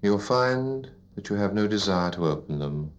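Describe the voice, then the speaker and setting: A man guiding a listener into sleep as a hypnotist, in a soothing, repetitive, deliberate narration with pauses, like a sleep story narrator. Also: fairly low pitch, expressive. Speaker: hypnotist leading a relaxation induction. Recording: dull lo-fi recording.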